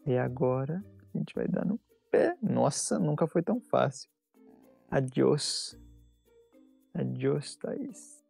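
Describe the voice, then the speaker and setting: Sneaky young male car thief, as a woman puts him on, low gravelly voice, faint music behind. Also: expressive, slow, pauses often, warm tone, no room sound, heavily acted.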